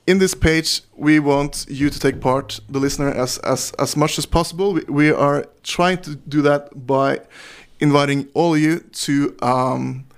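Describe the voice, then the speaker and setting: Halting man. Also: fairly high pitch, clean tone. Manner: halting, many fillers and restarts. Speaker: guest documentary maker. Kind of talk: radio interview.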